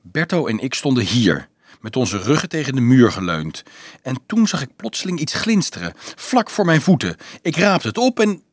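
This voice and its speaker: A man's voice: mid-range voice, big pitch swings, normal speed, dry recording, studio quality. A man voicing an eager young tanner boy in a storybook reading, tumbling over his explanations.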